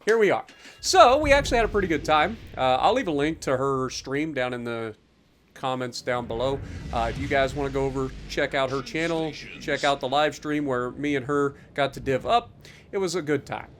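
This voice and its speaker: A man giving casual after-action commentary on a naval warship game, joking and animated, with many fillers. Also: mid-range voice, moderate pace, slight background noise. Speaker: gaming YouTuber.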